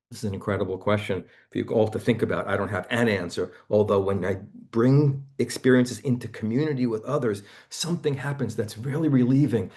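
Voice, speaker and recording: A man's voice: mid-range voice, darkish tone. A man, a therapist, teaching a seminar in an earnest way and telling stories about clients, often repeating and restarting his phrases.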